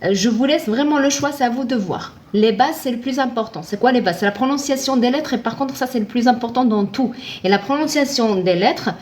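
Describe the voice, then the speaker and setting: A woman's voice: on the high side, fairly quick, a little mellow. A woman teaching Arabic in a casual live-stream, chatting with viewers and answering her own questions.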